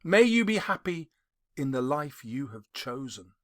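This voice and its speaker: A man voicing a gentle, sorrowful but resolute young woman in an audiobook of a classic novel. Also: mid-range voice, very animated, measured pace. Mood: resigned farewell.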